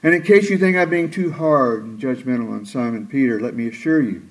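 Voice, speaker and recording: A man preaching a sermon, retelling scripture expressively and acting out the quoted lines. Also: low-quality recording. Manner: expressive, acts out quoted lines with rising pitch and slowed delivery.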